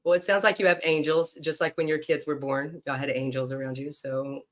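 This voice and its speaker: A man's voice: a little high, level tone, brisk, a bit bright. A man hosting a casual podcast conversation, chatty, blunt and teasing with his guest. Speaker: podcast host.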